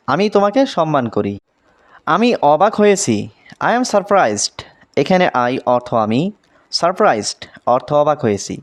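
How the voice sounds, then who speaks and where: A fairly high-voiced man reads an English lesson, drawing each phrase out slowly before explaining it word by word. His pitch swings widely, and the recording is dry and close, with no room sound. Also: no room sound. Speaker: English teacher. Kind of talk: scripted language lesson.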